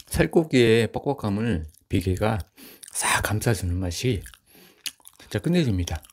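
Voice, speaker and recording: A man with a lowish, slightly rough voice hosts a mukbang, chewing as he politely savors and comments on the food. He talks casually at a normal pace, with an expressive tone.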